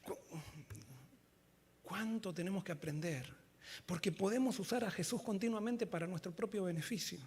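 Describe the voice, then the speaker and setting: A male pastor preaching a sermon with fervor, swinging between loud emphatic lines and quiet low ones. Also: normal speed, breathy edge.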